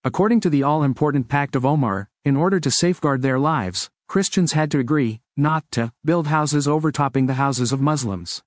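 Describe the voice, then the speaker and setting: A man's voice: fairly high pitch, normal speed, hardly any pauses, no room sound. Man reading a news report, dry. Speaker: narrator. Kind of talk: scripted narration of a news report.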